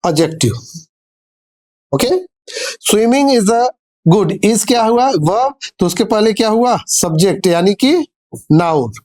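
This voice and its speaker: A male grammar teacher who talks slowly and carefully, reading each example sentence word by word. He poses questions to his students and then answers them himself, patient and encouraging. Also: sits high, expressive, a little mellow. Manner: explains patiently, asks questions and answers them himself, calls viewers dear children; reads English example sentences slowly and deliberately. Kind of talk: classroom-style grammar lesson.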